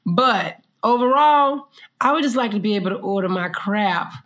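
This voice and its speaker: A woman's voice: mid-range voice, moderate pace. A woman from Chicago in casual chat, telling funny stories and acting out the people in them. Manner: animated storyteller, acts out quoted voices. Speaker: guest. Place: abroad, living in Thailand.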